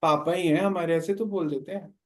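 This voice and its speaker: Higher-voiced man giving a spiritual class. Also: fairly even intonation, fairly quick. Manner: explaining with questions to listeners. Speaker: spiritual teacher.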